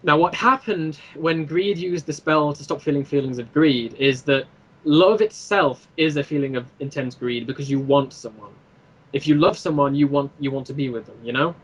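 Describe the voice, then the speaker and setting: A man with a fairly high voice and a breathy edge speaks at normal speed, chatting casually as an interview guest. As creator of an audio drama series, he explains it in an eager, meandering way. The audio's high frequencies are cut off.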